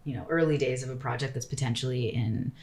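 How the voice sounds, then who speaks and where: A woman's voice: rumbling low, fast, darkish tone. A woman architect, a guest on an interview podcast, talking casually and rambling with lots of "like" and "you know".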